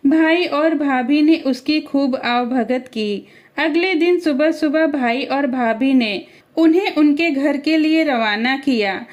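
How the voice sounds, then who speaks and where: A woman narrating a cartoon story in a measured, scripted storytelling manner. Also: high-pitched, highs cut off.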